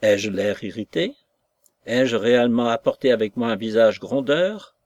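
A man reading aloud and voicing an earnest, flustered young gentleman close to his own voice. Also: mid-range voice, normal speed, no echo, lightly acted. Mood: urgent.

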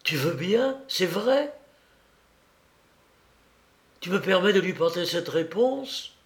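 A man's voice: high-pitched, big pitch swings, takes it slowly, pitched above the performer's own voice, heavily acted. A man reading aloud voices an anxious, tender mother who pleads with her daughter. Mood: overjoyed. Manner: pleading, timid, then overjoyed.

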